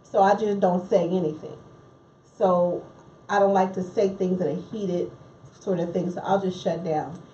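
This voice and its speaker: Married woman guest, chatty and reflective, mellow voice, heard from across a roomy space with faint ambience. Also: lowish voice, steady tone, moderate pace, far from the mic, lo-fi sound, slight background noise. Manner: chatty, reflective, laughs easily. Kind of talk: casual chat.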